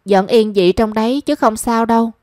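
A woman's voice: fairly high pitch, moderate pace, mellow, no echo, studio quality, lightly acted. A woman reading the lines of a proud young woman who answers guardedly and with reproach. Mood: hurt.

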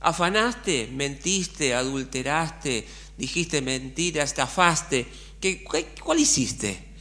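A man's voice: a little high, lively intonation, takes it slowly, pushed and bright. A middle-aged man with an Argentine accent preaching a sermon as pastor, colloquial and full of rhetorical questions. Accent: Argentine Spanish.

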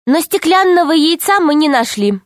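A woman voicing a calm, sensible young girl who speaks reassuringly. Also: sits high, moderate pace, no echo, studio quality, voice pushed up.

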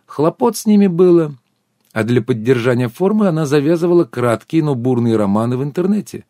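A man voicing a teasing, sharp-witted brunette woman in an audiobook. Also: on the high side, fairly quick, dry recording, studio quality, voice pushed up, natural voice. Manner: teasing, animated.

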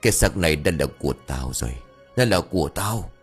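A man's voice: low voice, expressive, brisk, slightly rough, faint music behind. A man voicing a demon-possessed old woman in an audiobook, snarling threats and whining for pity. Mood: gloating. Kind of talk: audiobook character voice.

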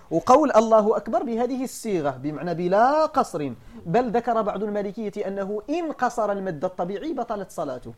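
A Moroccan-accented man teaching a religious law class in a brisk, quick delivery. His voice is very animated and rises and falls widely. He keeps checking that his students are following. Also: sits high. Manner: animated explaining, often checking the class understands. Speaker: sheikh teaching Maliki jurisprudence.

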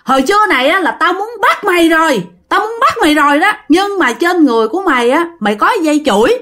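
A woman voicing a shrill, angry young male ghost. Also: lively intonation, a little fast, close to an everyday voice. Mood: menacing. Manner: menacing, cursing and threatening.

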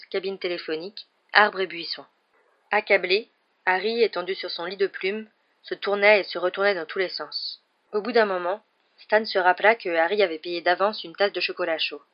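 Low-voiced woman reading a storybook calmly, muffled lo-fi audio. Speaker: audiobook narrator. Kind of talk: scripted narration.

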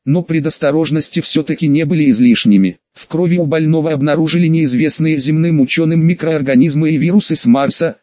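Male audiobook narrator, wry and brisk. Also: fairly high pitch, darkish tone, no room sound, dull audio. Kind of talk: first-person audiobook narration.

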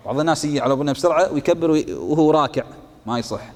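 A man's voice: fairly high pitch, lively intonation, very fast, darkish tone, long reverb tail. A man who teaches jurisprudence, reading lines from a text and then explaining them in colloquial speech, often asking a question and answering it himself. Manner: asks and answers his own questions. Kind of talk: explaining a fiqh text to students.

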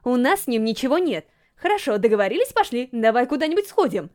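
A woman's voice: a little high, big pitch swings, fast talker, darkish tone. A woman reading aloud, voicing a blunt, self-assured teenage schoolgirl with curt replies. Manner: curt and matter-of-fact.

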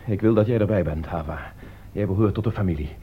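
An actor playing a worried middle-aged doctor and family head in a radio play, speaking gravely and wearily. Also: male voice, low voice, slight background noise, lightly acted. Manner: grave, weary and measured. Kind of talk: radio drama acting. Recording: dull lo-fi radio recording.

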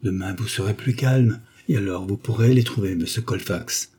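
A man reading the lines of a calm, earnest viscount who gives grave, persuasive counsel in an audiobook. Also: fairly low pitch, normal speed, husky. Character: calm, earnest male viscount, loyal friend.

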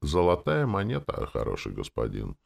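A man voicing a pushy, cowardly middle-aged male cab driver who haggles loudly and whines in an audiobook. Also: medium pitch, big pitch swings, normal speed, voice pushed up. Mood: eager. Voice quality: loud whiny haggling. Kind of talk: audiobook character voice.

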